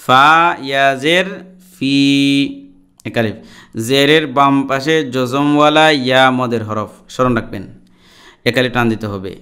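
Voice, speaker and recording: Slow, clear-voiced male Quran teacher. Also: mid-range voice, bright, forceful tone. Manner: spells out letters and vowel marks syllable by syllable, then chants the words drawn out; addresses viewers directly in explanations. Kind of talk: slow spelled-out recitation lesson.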